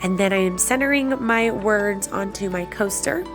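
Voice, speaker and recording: A woman with a medium-pitched, breathy voice that sounds congested with a cold. She narrates a craft tutorial casually, with chatty, encouraging asides. Music plays behind her voice. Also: moderate pace. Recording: background music under the voice.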